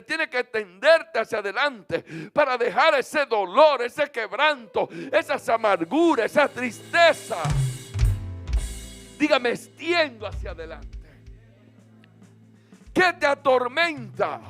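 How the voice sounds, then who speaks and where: A Dominican pastor preaches in a church, his voice pitched very high. He leads call-and-response, swelling into sung and shouted phrases. Soft music plays under him. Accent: Dominican Spanish. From Dominican Republic. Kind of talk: sermon.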